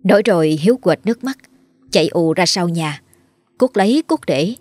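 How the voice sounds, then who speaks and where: Low-voiced woman narrating a horror story. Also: lively intonation, normal speed, a little mellow, no room sound.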